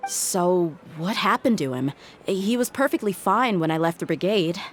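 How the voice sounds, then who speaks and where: A woman's voice: on the low side, expressive, moderate pace, faint music behind, close to an everyday voice. An actress playing a resolute young mercenary woman who speaks directly and earnestly, in a video game. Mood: concerned. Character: resolute, principled female mercenary bodyguard, young adult. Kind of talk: video game character dialogue.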